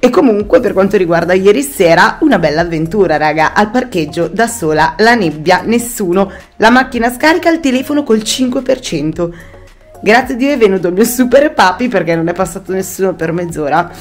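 A woman's voice: mid-range voice, animated, a little fast, faint music behind. A woman in her thirties with an Italian accent, vlogging casually into a phone held at arm's length, chatty and self-mocking with sudden exclamations. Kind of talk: casual daily vlog. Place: home rooms, a car, a bathroom. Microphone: handheld camera or phone at arm's length.

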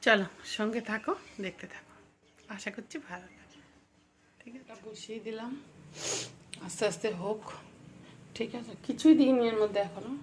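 A woman's voice: a little high, normal speed, pauses often. A woman talking casually through her home cooking, rambling with fillers and asides while she has a cold, in a home kitchen. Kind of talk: casual cooking vlog chat. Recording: faint background noise.

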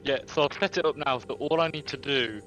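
Bright-toned man giving game directions. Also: fairly high pitch, a little fast, faint music behind, low-quality recording. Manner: directing play, blunt and swearing. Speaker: co-op gaming partner. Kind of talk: live gameplay chat.

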